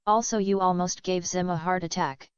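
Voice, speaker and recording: A woman's voice: on the low side, fairly even intonation, normal speed, clear, resonant tone, dry recording, close to an everyday voice. A woman voicing a bossy little male alien invader who speaks of himself by name, indignant in tone, on a dull lo-fi recording.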